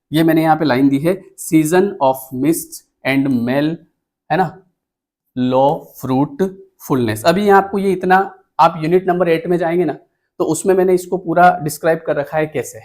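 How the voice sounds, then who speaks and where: A man's voice: on the high side, normal speed, a little mellow. Man teaching poetry meter step by step. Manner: explains step by step with frequent "है ना?" check-ins; counts items aloud while pointing at the screen. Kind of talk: exam-prep lecture.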